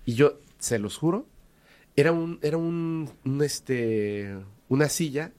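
Mexican man, casual animated storyteller, hesitant, repeats himself for emphasis. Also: a little high, slow pace. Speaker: guest telling a story.

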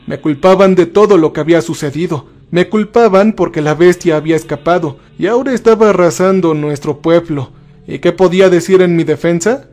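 A man's voice: sits high, a little fast, darkish tone, soft background music. A man narrating a first-person horror story, switching into raised voices for the characters.

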